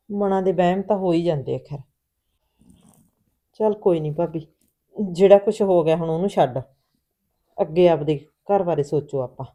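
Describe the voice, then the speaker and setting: An actress in a family drama, talking earnestly, reassuring at times and heated at others. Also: female voice, on the low side, dark tone, lightly acted. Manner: earnest, reassuring, turns heated when angry. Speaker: Binder, sister-in-law in the household. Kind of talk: Punjabi family drama acting.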